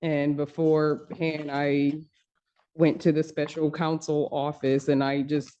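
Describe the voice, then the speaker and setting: A woman's voice: low voice, flat delivery, measured pace, dark tone, clean tone, highs cut off. A woman attorney answering a judge in a courtroom recording, speaking hesitantly and often filling gaps with "like". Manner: hesitant, uses fillers like "like". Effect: courtroom audio recording.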